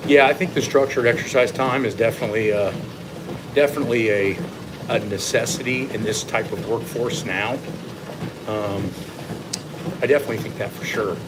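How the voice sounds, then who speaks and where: A man with a fairly low voice gives casual, conversational fitness coaching as he walks on a treadmill. He answers viewers in a measured way and offers his own opinions. Clear, steady machine noise runs behind his voice. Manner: talking while walking on an incline treadmill. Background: treadmill running noise.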